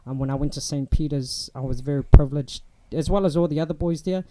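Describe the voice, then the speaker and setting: On a very noisy recording, a young guest with a New Zealand accent talks quickly in a slightly high voice during a casual interview. His relaxed chatter is peppered with ums and restarts.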